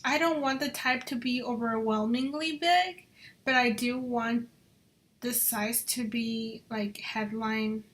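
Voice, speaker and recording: A job applicant narrates her design work over a screen recording, chatty and muttering to herself, dropping in the occasional Spanish phrase. Her voice is a little high and fairly bright, with a steady tone and slow pace.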